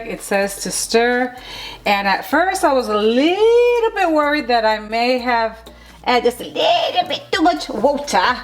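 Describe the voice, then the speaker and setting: A woman talking casually as she cooks in her home kitchen, playful and chatty, and closing with a blessing. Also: on the high side. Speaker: cooking vlogger. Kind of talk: casual cooking vlog. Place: home kitchen under hot lights.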